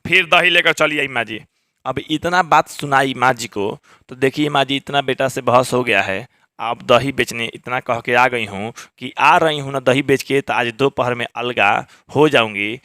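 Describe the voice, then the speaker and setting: Male teacher, bright voice, dry close mic, acts out story lines. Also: mid-range voice, normal speed, no room sound. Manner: acts out characters' quoted lines in a raised voice. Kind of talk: explaining a story in a lesson.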